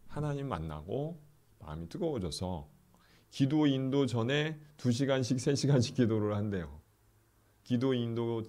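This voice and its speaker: A middle-aged pastor telling a story in a sermon, softly acting out the prayers of the people in it. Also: male voice, fairly low pitch. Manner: soft-spoken, acts out quoted prayers, laughs often.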